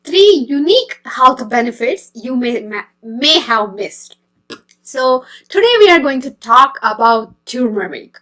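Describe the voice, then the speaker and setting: An Indian woman hosts a casual live stream about healthy eating, her high, fairly bright voice sitting a little above the usual range and taking on a sing-song lilt. She's friendly and chatty but hesitant, pausing often with ums and uhs, restarting sentences, and greeting viewers by name as she goes.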